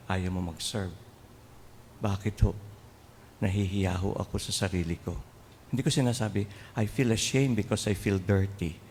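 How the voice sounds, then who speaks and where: Older Filipino priest preaching in a hall. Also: male voice, fairly low pitch, slight background noise. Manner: humorous, animated storyteller who mixes in mimicry and chuckles. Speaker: priest and seminary formator. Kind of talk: homily with personal storytelling. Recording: long hall reverb, faint ambience.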